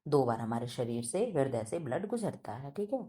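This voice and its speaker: A woman with a heavy, deep voice teaching an online exam-prep quiz, speaking loudly and emphatically, repeating questions back to students. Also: expressive, moderate pace. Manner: loud, emphatic, scolding-friendly teacher. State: sore throat.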